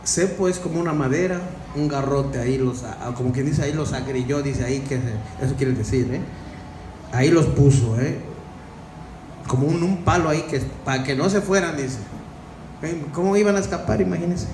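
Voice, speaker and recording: A man's voice: on the high side, moderate pace, distant mic. A man preaching an informal Bible-study sermon, chatting with the listeners and often asking them questions. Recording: roomy echo with faint background noise.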